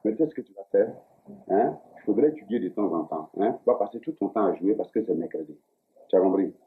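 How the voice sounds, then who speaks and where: A man with an Ivorian French accent playing a broke father in a comedy sketch, exasperated and tagging his lines with "hein?". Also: quick pace. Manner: exasperated, lively pitch, tags lines with "hein?". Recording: tinny lo-fi audio with room echo.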